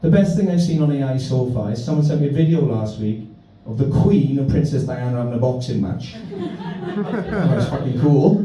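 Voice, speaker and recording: Rattling through his stories a little fast with barely a pause, this South Wales Valleys comedian uses a mid-range voice and a friendly, foul-mouthed, self-mocking manner. A crowd is audible behind him in the indoor comedy venue, where the distant, muffled mic picks up echo and faint noise.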